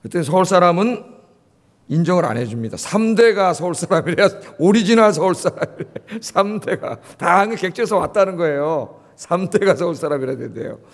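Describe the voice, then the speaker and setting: A pastor in his fifties from Seoul, South Korea, preaches to his congregation in a chatty style, often posing questions to them. His voice is high-pitched, animated, and brisk, with long hall reverb from the church sanctuary.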